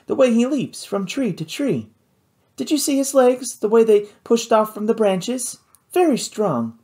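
A woman reading an audiobook, voicing an eager, impulsive young woman scientist with animated enthusiasm. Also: on the high side, measured pace, pitched above the performer's own voice. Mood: enthused.

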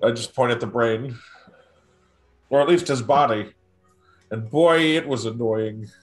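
A man in casual, improvised tabletop role-play, speaking in a hesitant, halting way. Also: medium pitch, soft background music. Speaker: tabletop game player.

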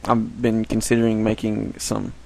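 A man's voice: on the low side, level tone, moderate pace, gravelly, low-quality recording. A man giving casual, rambling commentary while playing a game, often correcting himself. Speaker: gameplay commentator.

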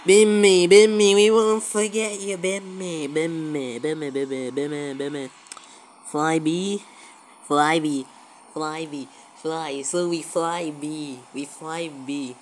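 Here a woman narrates gameplay casually for a video, at a slow pace with medium pitch and fairly even intonation, often repeating words and phrases. Her handheld phone, filming a screen, yields an amateur recording with faint background noise.

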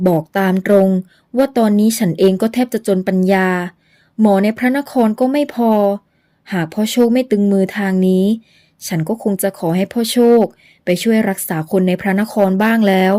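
A woman's voice: medium pitch, warm tone, natural voice. A woman voicing an earnest young herbal doctor. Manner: earnest, measured pleading.

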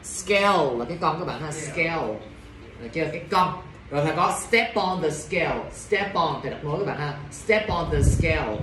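A young man teaching English in a classroom, slowly repeating words and checking in with students. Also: a little high, expressive, a crowd in the background. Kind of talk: classroom pronunciation lesson. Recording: echoey room, mic far off.

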